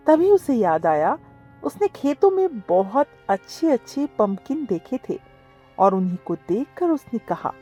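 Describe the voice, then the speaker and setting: Expressive woman narrating a cartoon story. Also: a little high, unhurried, husky, faint music behind.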